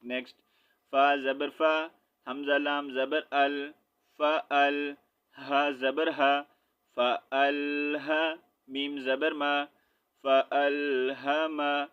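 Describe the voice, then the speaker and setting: A man with a smooth, clear, slightly high voice teaches recitation, spelling out each letter slowly and drawing out the verses. His delivery stays level and even throughout. The recording is dull and lo-fi. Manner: quick, patient explanations between recitations. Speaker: Quran teacher. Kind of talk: tajweed lesson, spelling and reciting.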